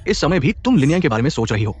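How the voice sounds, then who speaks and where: A man's voice: a little high, sing-song, rapid-fire, a little mellow, slight background noise. A man voicing a bitter, manipulative young male lover in a dubbed drama, taunting and resentful.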